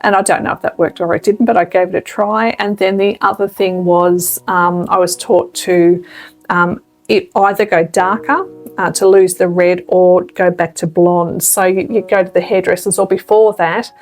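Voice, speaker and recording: A woman's voice: lowish voice, steady tone, normal speed. An Australian woman in her fifties, a radio presenter, speaking candidly and thoughtfully as an interview guest. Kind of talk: reflective interview conversation.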